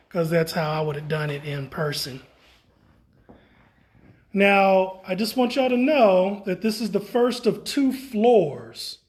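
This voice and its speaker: A man speaking casually as a tour guide, showing visitors around. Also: sits high. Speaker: exhibit tour guide and co-curator. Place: indoor art gallery. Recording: echoey indoor room.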